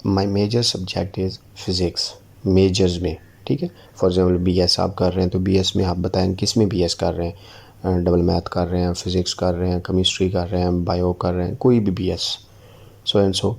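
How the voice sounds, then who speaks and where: Deep, gravelly teacher. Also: male voice, level tone, a little mellow. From Pakistan. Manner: slow, deliberate model sentences with frequent "theek hai" check-ins. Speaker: English teacher. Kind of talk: language lesson in Urdu.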